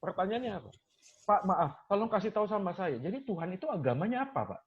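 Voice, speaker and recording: A male lecturer talks in a relaxed, conversational way, acting out his students' questions as he tells stories. His voice sits a little higher than most men's. The recording sounds dull and muffled. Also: fast talker. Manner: animated storyteller, acts out students' questions, mixes in English phrases. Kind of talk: casual talk sharing teaching stories.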